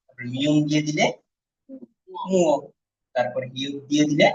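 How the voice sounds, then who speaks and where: A man with a somewhat high voice teaching a classroom lesson and sounding out syllables one by one so the students can repeat them. He is recorded from across an echoey room, and the sound is muffled. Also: normal speed, darkish tone, recorded from a distance. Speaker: Korean language teacher.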